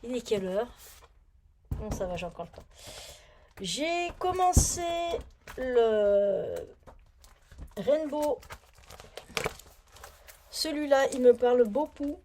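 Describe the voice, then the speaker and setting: A woman's voice: fairly high pitch, expressive, takes it slowly, pauses often, dark tone, a little hiss or hum. Chatty French woman on a knitting vlog. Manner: chatty, rambling, mutters to herself; grumbling, annoyed. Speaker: knitting vlogger. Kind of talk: casual knitting vlog chat.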